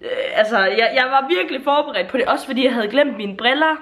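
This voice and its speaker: Bubbly young woman vlogging, high voice. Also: lively intonation, fairly bright tone, roomy sound. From Jutland, Denmark. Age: late teens. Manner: bubbly, gushing, swears casually. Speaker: YouTuber. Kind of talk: casual vlog talk. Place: at home. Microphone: handheld camera.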